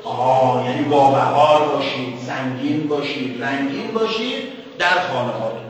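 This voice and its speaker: A male teacher giving a lecture on Quran commentary in a classroom. He keeps asking the class questions and recites words slowly. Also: medium pitch, roomy sound, big-room sound, crowd noise, low-quality recording. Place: classroom with a board.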